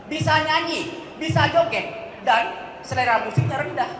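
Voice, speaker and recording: A man's voice: extremely high pitch, normal speed. A man doing a stand-up comedy set, addressing the audience directly and breaking into jokey song snippets. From Madura. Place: large hall with a live audience. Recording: echoey hall, crowd noise.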